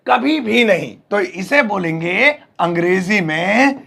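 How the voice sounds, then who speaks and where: A man teaching English phrases to Hindi speakers, drilling each phrase slowly word by word with playful asides to viewers. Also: sits high, animated, creaky, bright, forceful tone. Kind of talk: Hindi-language English lesson.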